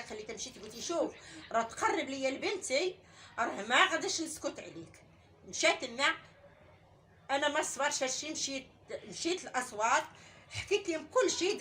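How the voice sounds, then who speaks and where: A woman's voice: on the high side, sharp tone, a little hiss or hum. A middle-aged woman with a Moroccan Arabic accent, making an urgent, pleading public appeal as an interviewee.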